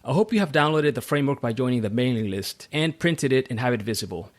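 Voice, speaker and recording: A man from Central America, hosting a podcast in a measured, read-aloud manner. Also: medium pitch, expressive. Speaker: podcast host. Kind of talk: scripted podcast monologue and interview.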